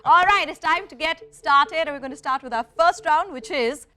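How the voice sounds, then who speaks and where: Higher-pitched woman hosting a quiz show. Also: normal speed, bright, forceful tone. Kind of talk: upbeat quiz show presenting. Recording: music under the voice.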